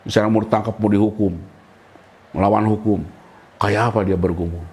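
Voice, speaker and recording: A man's voice: lowish voice, fairly even intonation, brisk, a little mellow, low-quality recording. A middle-aged man preaching a sermon in a casual, colloquial way, often addressing his listeners directly and acting out the voices he quotes. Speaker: pastor.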